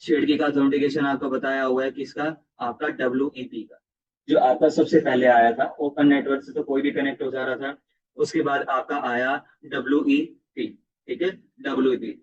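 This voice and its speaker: A man's voice: mid-range voice, level tone, moderate pace, husky, far from the mic. A man teaching networking in a classroom-style tutorial, often checking in with the listener as he explains. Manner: repeats "theek hai" and addresses the viewer constantly. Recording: dull sound from off the mic.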